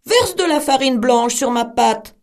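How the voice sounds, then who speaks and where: Sly male wolf, woman storyteller voicing him, coaxing, bright high voice. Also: lively intonation, a little slow. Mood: demanding. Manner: coaxing, then threatening. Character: sly hungry male wolf posing as mother.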